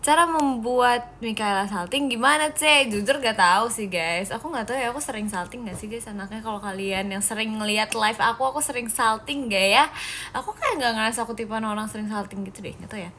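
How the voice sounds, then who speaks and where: A woman's voice: on the high side, fairly quick, pushed and bright, a little hiss or hum. A young woman chatting playfully and teasing her viewers as she reads live-stream comments aloud. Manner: playful, giggly, teasing, addresses viewers as "guys". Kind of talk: casual live-stream chat reading comments.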